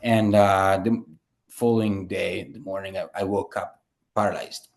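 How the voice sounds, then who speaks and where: A man's voice: deep voice, fairly even intonation, normal speed, creaky. A man, a guest telling his story in a casual interview, rambling with many fillers and restarts. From Italy. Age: 30s.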